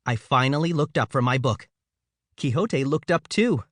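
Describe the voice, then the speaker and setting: A man's voice: medium pitch, expressive, normal speed, no echo, clean studio sound. A man narrating a children's audiobook in the first person, with playful, comic storytelling.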